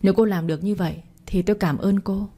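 A woman's voice: medium pitch, steady tone, quick pace, dark tone, lightly acted. Woman reading as a cold, sneering jealous young woman. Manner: curt, sneering.

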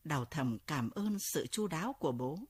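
A woman narrating a ghost story in a slow, dramatic storytelling manner. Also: sits low, animated, a little mellow, husky.

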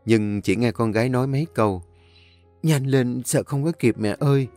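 Male narrator, low, measured and solemn. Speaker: storyteller. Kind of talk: scripted story narration.

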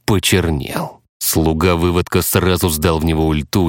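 Deep-voiced man narrating an audiobook. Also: dry recording, clean studio sound. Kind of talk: scripted narration.

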